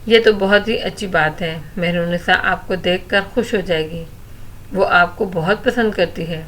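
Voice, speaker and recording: A woman voicing a cheerful, playful young daughter in a read-aloud novel, with a lively, teasing manner. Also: on the low side, slight background noise, close to an everyday voice.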